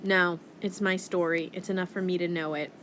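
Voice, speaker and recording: A woman reading an audiobook voices a gruff, cranky man in his eighties who bellows and snaps. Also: on the low side, steady tone, normal speed, fairly bright tone, slight background noise, close to an everyday voice. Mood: curt. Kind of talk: audiobook character voice.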